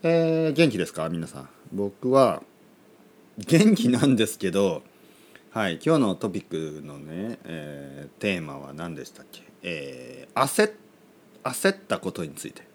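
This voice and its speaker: A man hosting a solo podcast for language learners, talking in a playful, joking way and speaking slowly and clearly. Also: deep voice, lively intonation. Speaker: podcast host teaching Japanese learners. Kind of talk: casual solo podcast talk.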